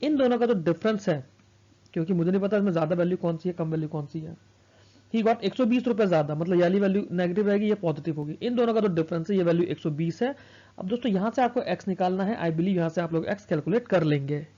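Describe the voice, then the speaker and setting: A man's voice: sits high, quick pace, warm tone. Male exam coach, talks himself through calculations; muffled lo-fi recording. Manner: works sums aloud, asks and answers himself. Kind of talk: math lesson.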